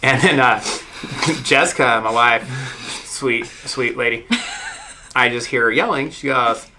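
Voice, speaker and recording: A man's voice: medium pitch, slow pace, background noise. A man co-hosting a podcast, telling rambling stories in casual chat, swearing and acting out other people's lines. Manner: rambling storyteller, swears, acts out quotes. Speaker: podcast co-host.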